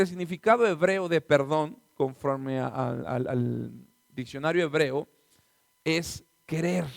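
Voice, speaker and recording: A man's voice: a little high, no room sound, studio quality. A man with a Mexican Spanish accent preaching a sermon as a pastor, teaching step by step and checking in with his listeners through rhetorical questions. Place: church.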